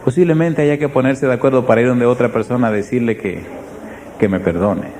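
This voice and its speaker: A pastor with a warm, mellow, mid-range voice preaches at a fairly quick pace, telling his sermon as a story and asking the congregation direct questions. His delivery swings from loud, pressing emphasis to hushed, quiet lines, over a faint background hiss.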